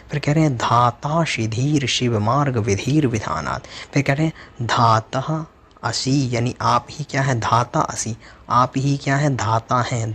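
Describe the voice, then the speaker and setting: A man teaching as a religious lecturer, chanting verses slowly and then explaining them with rhetorical questions. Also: medium pitch, a bit bright. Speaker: Jain teacher. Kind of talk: scripture recitation and explanation.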